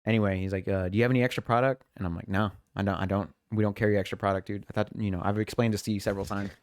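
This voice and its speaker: Talking very fast with a flat delivery, this fairly low-pitched man co-hosts a podcast and spins long, meandering stories about his week at work. He quotes his coworkers, imitating them casually. It's studio-quality audio with no room sound.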